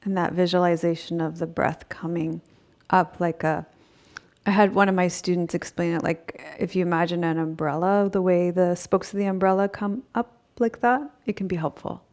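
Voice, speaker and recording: A woman's voice: on the low side, steady tone, darkish tone. A woman yoga teacher leading a breathing exercise in short, spaced phrases, with audible breaths and sighs. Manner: slow, pausing delivery in short phrases. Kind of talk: guided breathing and yoga instruction.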